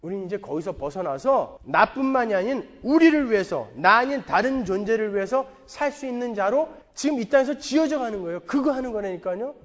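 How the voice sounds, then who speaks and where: A man's voice: high voice, fairly quick, few pauses. A pastor giving a sermon, telling a story with jokes and stressing his points. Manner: animated storytelling with a joking, emphatic delivery. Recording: dull lo-fi sound in a long-reverb church hall.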